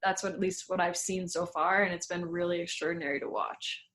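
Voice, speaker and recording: A woman's voice: fairly low pitch, fairly even intonation, a little fast, fairly bright tone. A young woman in her twenties, a fitness coach, chatting casually as a podcast guest with many "like" fillers. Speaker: guest, fitness coach and former pro skier. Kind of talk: casual interview chat.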